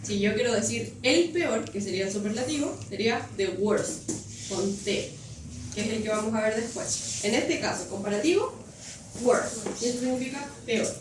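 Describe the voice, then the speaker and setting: A woman teaches a grammar lesson in a high voice, stopping often to check that her students follow. She sounds distant in a very echoey classroom with noise around her. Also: expressive, normal speed. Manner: patient, checks understanding with frequent questions. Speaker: English teacher. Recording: echoey classroom from far off, noisy.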